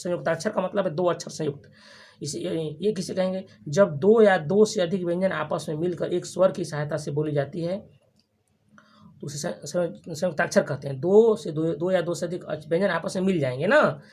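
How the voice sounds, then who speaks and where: A teacher giving a grammar lesson to a class, repeating each term and asking quick questions for the students to answer back. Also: medium pitch, a little mellow. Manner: frequent restarts and checking questions. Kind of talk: classroom lesson with call-and-response.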